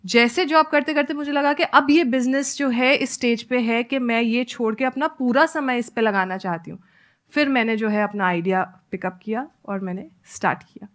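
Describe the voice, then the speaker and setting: A woman's voice: fairly high pitch, normal speed, fairly bright tone. A woman who founded a business, giving earnest advice as an interview guest.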